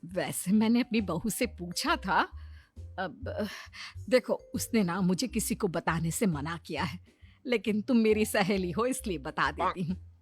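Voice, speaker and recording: A woman voicing a gossipy, gullible middle-aged mother-in-law, chatty and exclamatory, in an animated story. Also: lowish voice, a little slow, breathy edge, soft background music, voice pushed down. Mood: curious, confiding.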